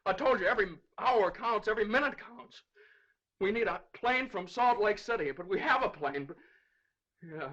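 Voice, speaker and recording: A man's voice: sits high, lively intonation, normal speed, highs cut off, heavily acted. An actor playing a young lawyer and frantic father, pleading urgently in 1930s film style. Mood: desperate. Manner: urgent, pleading, breaking into shouts.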